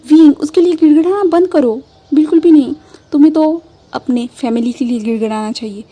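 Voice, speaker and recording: A woman's voice: high-pitched, fairly quick, dark tone, natural voice. A woman doing a possessive young mafia boss. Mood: gloating. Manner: pleading then gloating, emphatic.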